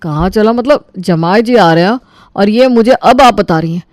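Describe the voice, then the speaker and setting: A flustered grown son demands to know what is going on in a cartoon family story, as a woman puts him on. The voice sits mid-pitch and sounds dry and close. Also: normal speed, a little mellow, no echo, close to an everyday voice. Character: impatient grown son, brother-in-law.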